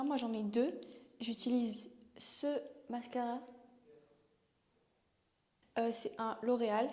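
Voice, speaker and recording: A young woman with a regional French accent chatting casually in a vlog, rambling and filling pauses with "euh". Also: on the high side, dark tone. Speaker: vlogger.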